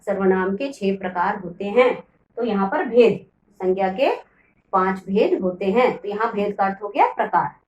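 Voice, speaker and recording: A woman teacher explaining a lesson to children slowly, repeating each key word. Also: mid-range voice, darkish tone, highs cut off. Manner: slow, repeats key words for pupils. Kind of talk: classroom lesson. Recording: echoey room, voice from far off.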